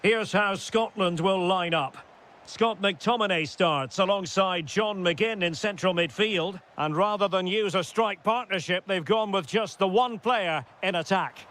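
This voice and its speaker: A man's voice: high voice, a little slow, a bit bright. A man calling a football match as play-by-play commentator, reading out player names and rising sharply on goals and chances. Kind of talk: video game match commentary.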